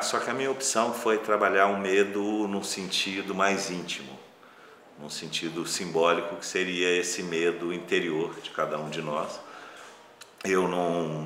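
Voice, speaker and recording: A man's voice: low-pitched, bright, forceful tone. A man with a Brazilian accent speaking casually and reflectively as a film director in an interview, with loosely phrased asides. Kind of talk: casual interview talk about his filmmaking. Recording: roomy echo, faint background noise.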